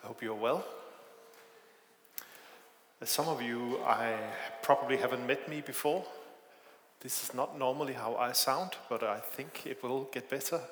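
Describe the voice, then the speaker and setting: A Danish man with a Danish accent preaches a sermon in an echoey hall with long reverb, hesitant and full of fillers and self-deprecating asides. His mid-range, slightly bright voice moves a little slowly with long pauses, and there's a faint hiss or hum.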